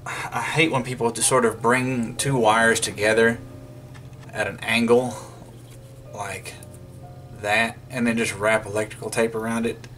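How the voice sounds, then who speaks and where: Faint music plays behind the radio-repair vlogger as he works at an indoor wooden workbench, narrating unscripted in a folksy, casual way while thinking aloud. His medium-pitched, fairly bright voice stays level in tone, moving a little slowly with long pauses.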